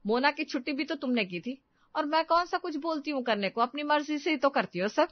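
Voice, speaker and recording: A woman's voice: high voice, lively intonation, brisk, no room sound, dull audio. A woman voicing a middle-aged mother-in-law who protests in a dismissive, matter-of-fact way, in a cartoon. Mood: defensive.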